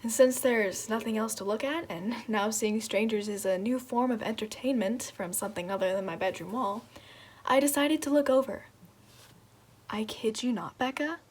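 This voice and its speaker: A gossipy young woman, played by an actress, spills her news down the phone in a fairly high voice. She delivers everything with breathless, dramatic flair. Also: normal speed, lightly acted. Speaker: student actor. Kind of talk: stage monologue on a phone call.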